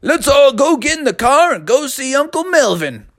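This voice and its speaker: A jolly father bear, voiced by a man calling his family together. The voice is pitched up high and sounds dry and close. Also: very animated, normal speed, fairly bright tone, no room sound, exaggerated voice. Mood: rallying. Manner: hearty, rallying.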